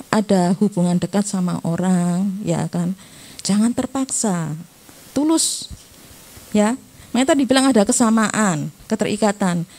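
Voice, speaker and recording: A woman's voice: medium pitch, darkish tone. A middle-aged woman, giving a church youth talk in a chatty way, asking her listeners questions and ending lines with a tag "ya".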